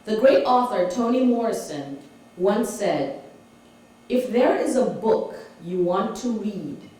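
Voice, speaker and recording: A woman's voice: mid-range voice, lively intonation, takes it slowly, warm tone, distant mic. A woman from Malawi giving an author talk to an audience, engaging them with questions and laughing often. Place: community hall. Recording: echoey hall recorded from afar.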